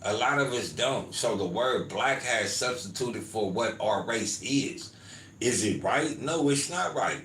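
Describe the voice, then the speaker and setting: This American man hosts his own podcast, loosely chatting with listeners and going through chat comments while tossing in "man" and "you feel me." His voice sits at medium pitch, expressive, unhurried and a bit bright. Recorded at home in a roomy space, there's faint ambience and slight background noise.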